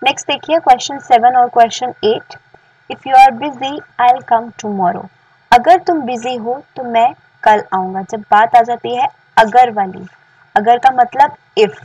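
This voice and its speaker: An Indian woman teaches English grammar in a bilingual lesson, reading example sentences slowly and asking rhetorical questions. Her voice sits a little high and sounds husky. The recording is dry, with the mic set back from her. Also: darkish tone, no room sound, recorded from a distance, rough recording. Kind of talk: bilingual classroom-style lesson.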